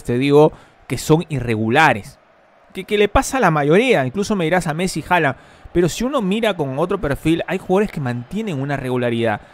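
A man giving live halftime football commentary, opinionated and animated, arguing with viewers and reading out their messages. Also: fairly high pitch. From Peru.

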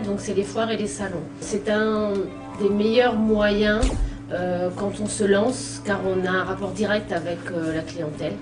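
A woman in her thirties from an event company, giving casual advice in a small office, talking with many hesitations. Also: mid-range voice. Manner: relaxed, hesitant with many fillers. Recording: roomy, distant mic, background music.

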